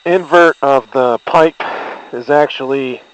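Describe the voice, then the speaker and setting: A man working as a commercial diver gives halting, terse inspection reports from inside a diving helmet over radio comms. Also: mid-range voice, no echo, low-quality recording. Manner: procedural, halting delivery with clipped confirmations. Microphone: diving helmet microphone.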